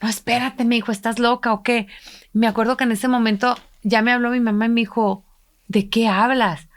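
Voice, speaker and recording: A woman's voice: on the high side, steady tone, fairly quick. A middle-aged woman, telling a personal story in an intimate podcast conversation and voicing the people she quotes. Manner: emotional, reflective, voices quoted people while retelling. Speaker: podcast co-host, mother.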